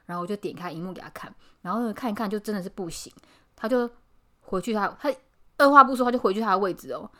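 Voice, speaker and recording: Brief: Taiwanese woman in her thirties, podcast host, rapid animated storyteller who acts out coworkers. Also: mid-range voice. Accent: Taiwanese Mandarin. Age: 30s. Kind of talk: casual chat.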